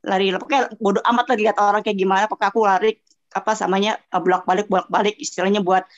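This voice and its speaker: Animated woman telling her story, lo-fi. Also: medium pitch, racing. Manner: animated, acts out her own cries and sounds. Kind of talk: casual personal storytelling. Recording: dull lo-fi voice message.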